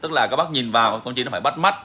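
A man's voice: mid-range voice, lively intonation, very fast, sharp tone. A man hosting a bird-keeping channel, talking casually and frankly to viewers, repeating himself often. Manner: frank, repetitive, chatty.

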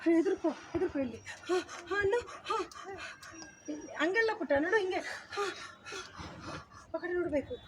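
A woman with a very high voice directs young actors on a shoot, speaking. She calls action and performs each line herself so they can repeat it. A faint noise runs under the recording. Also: animated, normal speed, long pauses. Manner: coaching, demonstrating lines for the child to repeat. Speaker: acting teacher. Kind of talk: directing child actors on set.

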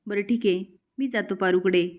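A woman voicing a gentle young man who runs a company and talks in an earnest, coaxing way. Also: mid-range voice, fairly even intonation, moderate pace, natural voice. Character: gentle young male company head, pleading.

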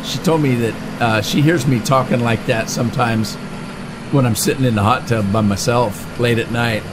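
This gaming channel host, a middle-aged man, keeps a steady tone at medium pitch and normal speed while chatting through a farming game let's-play. He rambles casually, often using fillers and starting sentences over. Tractor and engine sounds from the game are plainly audible under his speech.

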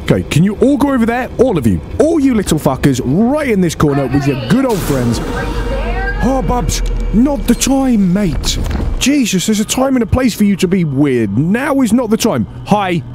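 Speaking a little fast with few pauses, in a high, sing-song voice, this let's play host offers casual commentary on his gameplay. He curses freely and snaps at the game's characters in exasperated bursts.

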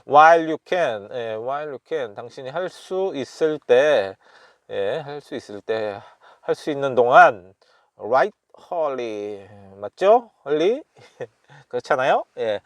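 A man chatting casually as he studies, chuckling often and repeating phrases slowly while thinking aloud. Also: mid-range voice, expressive, no echo. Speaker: self-taught language learner. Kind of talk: casual study commentary.

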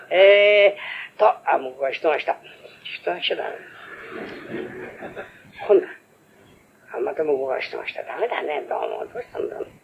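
A timid young pumpkin peddler who keeps muttering to himself, played by an older man. The voice is gravelly and pitched high, and it comes through a dull, lo-fi old recording. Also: slight background noise. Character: naive young master turned pumpkin peddler.

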